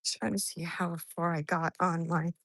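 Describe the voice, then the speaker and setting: Creaky-voiced woman livestreaming on a walk. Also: fairly low pitch, fairly even intonation, moderate pace, fairly bright tone, no room sound, studio quality. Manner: talking while out walking for exercise; rambling, thinking aloud. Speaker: livestreamer greeting and answering viewers. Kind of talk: casual livestream chat to followers. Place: outdoors on a walk in hot weather.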